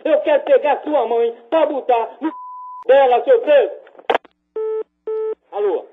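A man's voice: extremely high pitch, unhurried. Man, curt short replies, crackly cordless phone line, thin tinny sound. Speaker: prank call target. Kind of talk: phone conversation.

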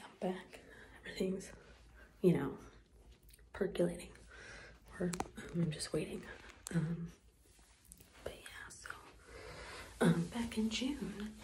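A woman's voice: lowish voice, poor audio. Whispering young woman vlogging at dawn. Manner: whispering to keep quiet, rambling with many fillers. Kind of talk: whispered casual vlog. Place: home, early morning.

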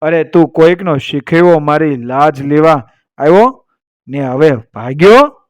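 A man voicing a proud, fearless Rajput king who speaks in a calm, commanding way in a told folk tale. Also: on the high side, measured pace, no echo. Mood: scolding.

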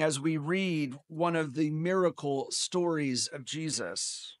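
Preaching from a church pulpit into a gooseneck mic, a middle-aged male pastor shares personal stories with gentle, wry humor. His slightly high voice moves at an unhurried, deliberate pace, and the sound is dry and close with no echo.

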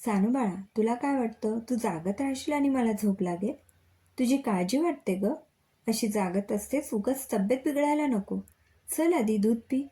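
A woman voicing a fussing middle-aged mother who gently scolds and teases her children in a story reading. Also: on the high side, normal speed, natural voice. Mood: tender.

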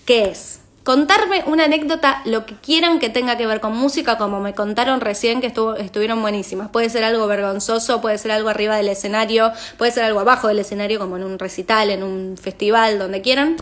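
A young Argentine woman, a singer, chatting casually on a phone livestream and reading fan messages aloud with quick asides. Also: fairly high pitch, steady tone. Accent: Argentine Spanish.

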